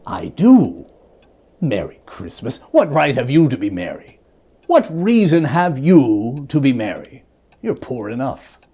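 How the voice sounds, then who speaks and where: A reader voicing a bitter, stern old miser in a storybook reading, with a husky, grumbling, curt delivery. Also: mid-range voice, very animated, measured pace, a little mellow. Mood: scornful.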